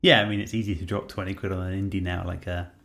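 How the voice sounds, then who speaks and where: A man co-hosting a casual gaming podcast, relaxed and hedging as he steers the talk. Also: low-pitched, racing, gravelly, slight background noise. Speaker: podcast co-host.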